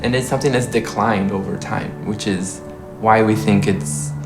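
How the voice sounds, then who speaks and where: With a soft music score in the background, a man in his twenties from Brazil talks in a documentary interview. His lowish voice keeps fairly even intonation at normal speed, and he's candid, laughing often and chatting with fillers.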